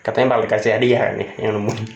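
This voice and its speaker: A young Indonesian man with a low, creaky voice chats casually through a reaction video. His speech is slangy with some English mixed in. The room echoes and music plays behind him. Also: little pitch movement, rapid-fire, highs cut off. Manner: colloquial slang sprinkled with English. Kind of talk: casual chatty reaction commentary. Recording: roomy echo with music behind. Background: show music playing.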